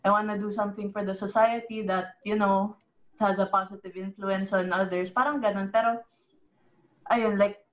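A woman's voice: medium pitch, fairly even intonation, normal speed. Reflective young Filipino woman, lo-fi. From Philippines. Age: young adult. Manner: reflective, switching between English and Tagalog with many fillers. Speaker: former student organization president. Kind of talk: casual podcast chat. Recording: slightly dull lo-fi audio.

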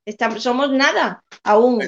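High-voiced woman on a dull call line. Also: slow. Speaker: guest caller. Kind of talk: casual call-in chat.

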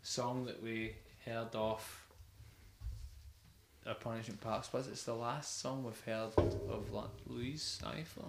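A young man chats casually about music, rambling and excited, with plenty of fillers. His voice sits at a middle pitch. The room is echoey, and there is a faint hiss behind him. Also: takes it slowly, creaky. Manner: rambling, enthusiastic, many fillers. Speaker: podcast host.

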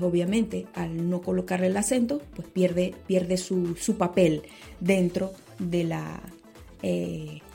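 A woman explaining grammar rules in a spoken lesson, slowing down on key points and correcting herself as she goes. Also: fairly low pitch, gravelly, warm tone. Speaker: teacher.

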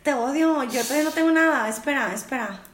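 A woman's voice: high voice, fast, reverberant, a little hiss or hum. A young woman with a Mexican Spanish accent playing a word game with a friend, joking, swearing and dropping English words. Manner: laughing, joking, swears a lot, mixes in English. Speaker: game player. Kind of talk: casual chat.

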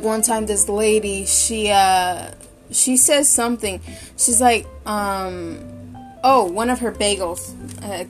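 A young woman telling a work story in a casual, chatty, exasperated way, full of fillers. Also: medium pitch.

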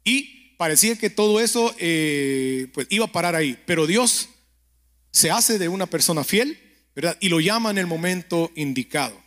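A man preaching a conversational sermon and prayer, telling stories, speaking straight to the listener and often checking in with a quick question. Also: high-pitched, animated, a bit bright. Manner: keeps asking the listener "¿verdad?".

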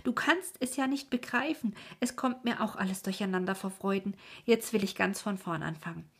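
A woman voicing an overjoyed, kindly middle-aged carpenter who talks excitedly and breathlessly, in a storybook reading. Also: low-pitched, unhurried, creaky, husky, exaggerated voice.

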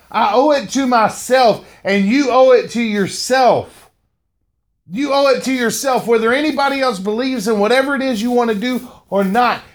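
A middle-aged man hosting a podcast, giving a motivational monologue, repeating lines for emphasis and often calling the listener "man". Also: extremely high pitch. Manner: slangy, says "man" often. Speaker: podcast host and motivational speaker.

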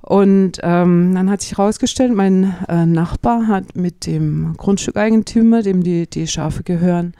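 A woman co-hosting a podcast, telling stories casually and hesitantly, with pauses. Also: fairly low pitch, warm tone, clear, resonant tone, no room sound, studio quality. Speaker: podcast co-host. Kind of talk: casual chat and storytelling.

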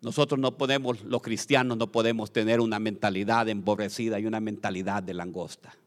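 A man from Honduras preaching a lively sermon as pastor, calling out to the congregation with joking asides. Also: on the low side, a little fast, in a large hall.

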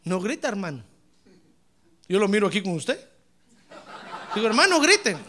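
Fiery high-voiced pastor shouting praise. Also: male voice, big pitch swings, normal speed, slight background noise. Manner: swings from quiet asides to shouted exclamations. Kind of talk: fiery Pentecostal sermon. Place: church.

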